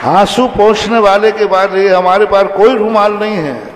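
A man's voice: high-pitched, normal speed, a faint crowd, a little hiss or hum. A male preacher delivering a sermon to his followers, exhorting them and repeating phrases for emphasis. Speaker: religious preacher. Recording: echoey hall, faint ambience.

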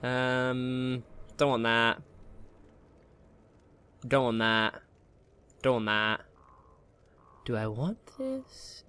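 This man hosts a gaming video with a medium-pitched voice that is bright, forceful, and clean, with lively intonation. He speaks very slowly with long pauses, delivering casual Let's Play commentary and slangy jokes to himself as video game music plays behind him.

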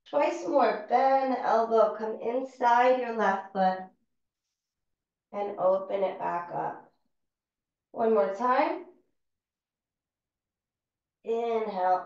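A woman teaching a yoga class, calmly and steadily talking students through each movement. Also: a little high. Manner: calm, unhurried cueing of movements. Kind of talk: guided yoga class instruction. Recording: far-off, echoey, dull-sounding room recording.

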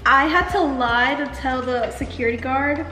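A woman's voice: sits high, normal speed, sharp tone. A young adult woman, a streamer, chatting casually at the table while she eats. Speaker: streamer hosting a mukbang Q&A. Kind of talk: casual chat over food. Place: indoor dining table in a large room. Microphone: camera across the table. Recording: echoey room, music behind.

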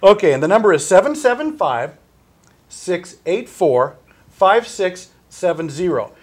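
A high-pitched man talking in an on-air discussion. He pushes urgently for wild horses, stacking up repeated phrases and quick restarts. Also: big pitch swings, darkish tone.

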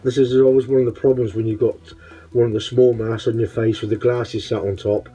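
A man's voice: medium pitch, little pitch movement, a little fast, warm tone, husky, rough recording. Man talking through a face visor. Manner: rambling, hesitant, with many ums and restarts. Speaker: woodworker reviewing a respirator. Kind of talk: casual product review. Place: home workshop.

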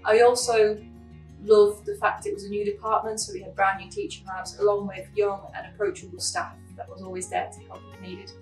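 A young Czech woman, a chemistry PhD student, explains her research to camera from a script, speaking in a mid-range voice with flat delivery. She's earnest and measured with the occasional um. The camera mic sits at a distance in an echoey indoor lab, with music playing behind her.

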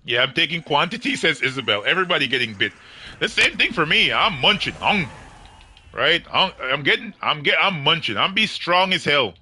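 A man's voice: a little high, big pitch swings, normal speed, bright, forceful tone, slightly rough. A young man chatting casually with viewers on his game livestream, joking and laughing often in slangy talk.

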